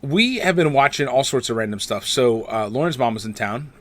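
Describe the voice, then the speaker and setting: A male podcast host with a lively, swooping voice that jumps around in pitch. He chats casually and playfully, sometimes slipping into mock announcer flourishes. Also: brisk. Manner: energetic, playful announcer-style intros.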